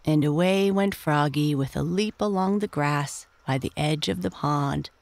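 A bedtime storyteller who reads at a very slow, unhurried pace. The delivery stays gentle and even, meant to settle children for sleep. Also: mid-range voice, gravelly, no echo.

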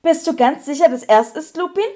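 A woman voicing a gruff, suspicious old male wizard who growls bluntly in an audiobook reading. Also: sits high, fairly quick, dark tone, voice pushed up, lightly acted.

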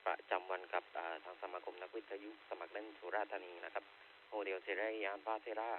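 A man with a fairly low voice makes a formal signal-test check-in over a walkie talkie. The sound is thin and boxed-in like a phone, with light noise under it. He is courteous and procedural throughout. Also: fairly even intonation, moderate pace. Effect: two-way radio transmission. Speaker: amateur radio operator checking in. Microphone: handheld radio transceiver. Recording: tinny narrow walkie-talkie signal, faint hum.

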